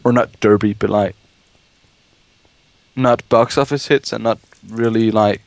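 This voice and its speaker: A man's voice: fairly low pitch, fairly even intonation, unhurried, creaky, no room sound. A young man hosting a gaming video, chatting casually and rambling about movies while playing. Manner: rambling, swears when startled. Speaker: let's play host.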